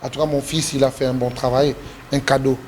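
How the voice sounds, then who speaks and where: Interviewed in Congolese-accented French, this politician from the DRC hammers his points home emphatically and repeats himself, voice rising whenever he becomes indignant. His delivery is flat and fairly quick. There's slight hiss or hum on the recording.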